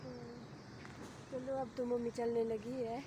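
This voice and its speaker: Young Himachali woman vlogger, soft and low in volume, even delivery, phone recording outdoors with steady noise behind. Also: a little slow. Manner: soft-spoken, quiet voice. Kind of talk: casual vlog chat. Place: outdoors at home, village. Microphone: phone camera, no mic.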